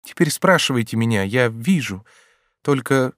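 A man's voice: mid-range voice, lively intonation, normal speed, a bit bright, no room sound, studio quality, natural voice. A man voicing a distraught young countess in an audiobook, with a raised, strained pleading voice. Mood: entranced. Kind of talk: audiobook character reading.

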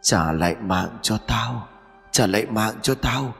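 A man voicing the vengeful ghost of a young woman in a horror audio story, slow and droning, with a hollow, echoing voice. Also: fairly low pitch, animated, creaky, fairly bright tone, slightly rough, faint music behind, exaggerated voice. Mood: menacing.

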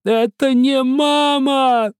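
A man voicing an old Greek cobbler, angry and whining, with a shrill, piercing voice. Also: normal speed, darkish tone, dry recording, clean studio sound, lightly acted. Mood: shrieking. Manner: wailing, spiteful complaints.

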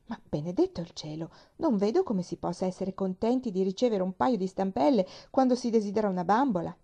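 A woman reading aloud, voicing a doubtful, sharp-tongued housemaid who grumbles and speaks sarcastically. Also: mid-range voice, lively intonation, fairly quick.

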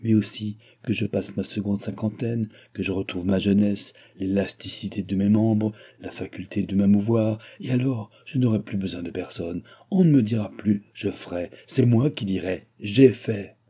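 A man voicing a frail, feverish old alchemist who pleads and cries out in high, agitated bursts. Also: normal speed, few pauses, warm tone, slightly rough. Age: older.

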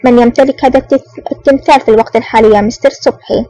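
A woman reading an elegant, smug and menacing man with a smooth, sly manner in an audiobook. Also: on the high side, fairly even intonation, very fast, warm tone, close to an everyday voice, rough recording. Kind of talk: audiobook narration.

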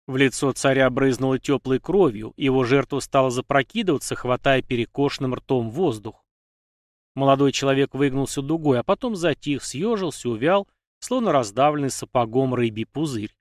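Male narrator for a dark history reading, mid-pitched, steady, dry close sound. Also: no echo. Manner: even, steady reading with dramatic emphasis.

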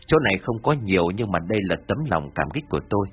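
A calm, wise male traveler, courteous and measured, speaking a little low, as a male narrator puts him on. The tone is husky. A dull, lo-fi recording carries faint music.

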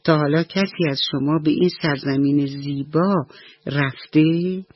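Gentle octopus schoolteacher lady, a woman reading her, soft husky voice, dull radio sound. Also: low-pitched, steady tone, no echo. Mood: kind. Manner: warm, patient, coaxing. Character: kind gentle female octopus teacher.

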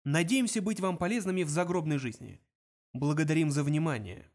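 A man's voice: on the high side, sing-song, brisk. A man voicing a polite, charming, faintly menacing recorded announcement from a dead planet in an audiobook. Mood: icy. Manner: very courteous, charming, with quiet menace.

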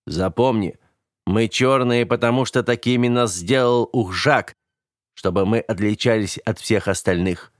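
A man voicing a gruff, grumbling male fight trainer in an audiobook, speaking slowly and loudly with a mocking edge. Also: fairly low pitch, no room sound, clean studio sound, lightly acted. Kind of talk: audiobook character voice.

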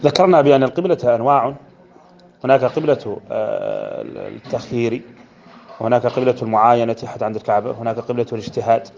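Man, religious lesson, fast explanation, mid-pitched voice. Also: big pitch swings, vocal fry, darkish tone, muffled recording. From Mauritania. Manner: slow measured chanting of verse, then brisk explanation. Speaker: Islamic scholar teaching a text.

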